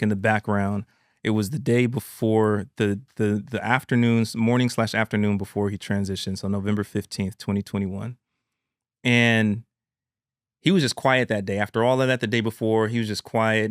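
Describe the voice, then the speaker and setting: A man's voice: lowish voice, clear, resonant tone, no room sound, studio quality. A man hosting a podcast, telling a heartfelt personal story in an earnest, emphatic way and calling the listener "man" and "bro". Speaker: podcast host.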